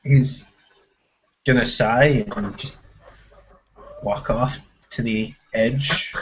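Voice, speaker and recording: A man's voice: mid-range voice, very slow, fairly bright tone, slightly rough. A man playing a tabletop role-play game, speaking in a plain, matter-of-fact way. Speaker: player. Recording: dull lo-fi recording.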